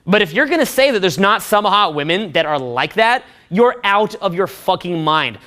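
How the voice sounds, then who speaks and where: A man's voice: high-pitched, very animated, moderate pace, sharp tone. A man giving a profane, boastful talk to a room of men about dating, often laughing at his own stories.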